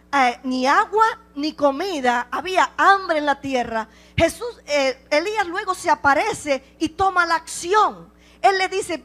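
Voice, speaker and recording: A woman's voice: very high voice, fairly bright tone. A woman preaching a sermon with passion, driving her points home with repeated rhetorical questions.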